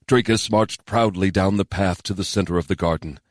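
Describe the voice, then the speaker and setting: Deep-voiced male audiobook narrator. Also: steady tone, a little fast, no room sound, clean studio sound. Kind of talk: scripted fantasy narration.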